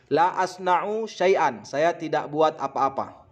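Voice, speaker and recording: A man with an Indonesian accent teaching vocabulary, saying each word and its meaning and repeating them slowly. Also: a little high, lively intonation, highs cut off. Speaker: Arabic teacher. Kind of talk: vocabulary lesson.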